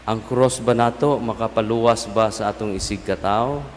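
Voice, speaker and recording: A Filipino man, a native Cebuano speaker, preaching as a priest in a solemn, measured way with pauses between short phrases. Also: on the low side, steady tone. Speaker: priest giving a homily. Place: large church, speaking through a sound system. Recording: long basilica echo, some background noise.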